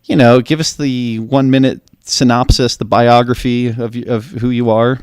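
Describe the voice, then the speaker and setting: Male podcast host: eager, rambling, restarts a lot, smooth dry close sound. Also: mid-range voice, level tone, moderate pace, dry recording. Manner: enthusiastic, rambling, with frequent restarts. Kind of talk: casual interview talk.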